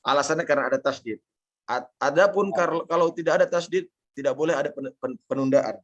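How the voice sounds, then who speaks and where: A man's voice: on the high side, lo-fi sound, a crowd in the background. Patient Indonesian man teaching recitation. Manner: patient, repeats sounds slowly for the student. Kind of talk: online tajwid lesson, correcting recitation.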